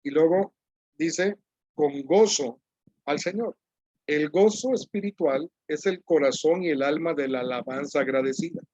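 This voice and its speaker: A man's voice: on the high side, a little mellow, no echo, lo-fi sound. Man preaching a teaching sermon. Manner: explanatory, repeats key phrases, reads scripture slowly.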